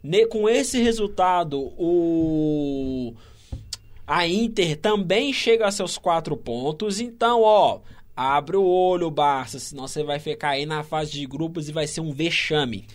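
A Brazilian man with a high-set voice works as co-commentator on a live match. He analyses the play in a colloquial, conversational way and gives his opinions freely. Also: expressive, unhurried. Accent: Brazilian Portuguese. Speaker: football co-commentator.

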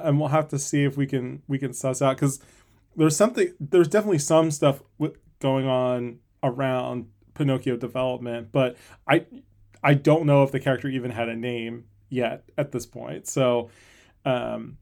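A man's voice: medium pitch, darkish tone. A man co-hosting a podcast in casual chat, talking loosely with frequent restarts and laughs. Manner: hesitant, many restarts and fillers. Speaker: podcast co-host.

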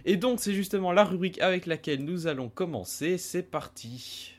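A man's voice: high-pitched, lively intonation, normal speed. A man hosting a casual retro gaming podcast discussion, talking with many hesitant fillers. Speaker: podcast host.

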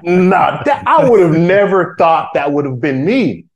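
Over a muffled recording with a crowd audible behind him, a forties-aged podcast guest chats unhurriedly in a high voice with big pitch swings. His casual talk rambles, full of restarts, fillers and street slang.

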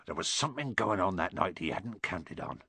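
A man voicing a huge, kindly, bearded giant who talks roughly with dropped grammar, read as an audiobook character. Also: deep voice, very animated, fairly quick, pushed and bright, no echo, pitched below the performer's own voice, heavily acted. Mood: musing.

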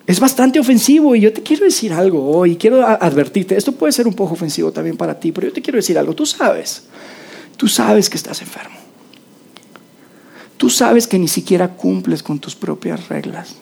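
Una predicadora con acento mexicano da un sermón en tono conversacional e imita las voces de los personajes bíblicos. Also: female voice, fairly low pitch, sing-song, fast, vocal fry, few pauses, mellow, husky. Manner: conversational, acts out voices of biblical figures. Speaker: preacher. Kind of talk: sermon.

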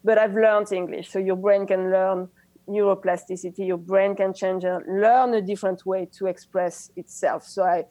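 A woman whose native language is French talks about coaching as an interview guest, with a French accent. She's enthusiastic but halting, with many restarts, and her medium-pitched voice is steady and dark. The recording is rough, with no room sound.

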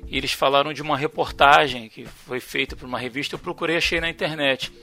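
A man's voice: fairly high pitch, fairly even intonation, fast, bright, forceful tone, soft background music. A man co-hosting a podcast, casually bringing up something he read and asking his co-host about it. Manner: conversational, relays what he read. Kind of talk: casual discussion.

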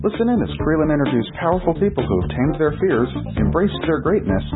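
A man's voice: on the high side, very animated, fast talker. A man reading a scripted promotional introduction as a podcast announcer. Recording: dull lo-fi sound under music.

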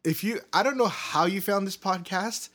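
A podcast co-host with a high, pushed, bright voice talks at normal speed in a casual chat show. He rambles and laughs a lot between words, and the audio comes from a cheap makeshift mic.

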